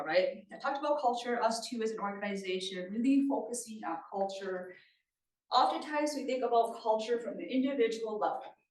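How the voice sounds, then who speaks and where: A woman from Thailand, her voice a little high and a little mellow, addresses a community meeting in a conversational, engaging way, often checking in with her listeners. A distant mic gives a roomy sound.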